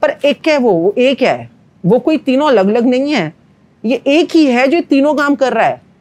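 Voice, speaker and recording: A woman's voice: high voice, very animated, normal speed, darkish tone. A woman, a manifestation coach, speaking as a podcast guest and explaining ideas in an earnest, teacherly way with everyday analogies. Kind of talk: spiritual podcast conversation.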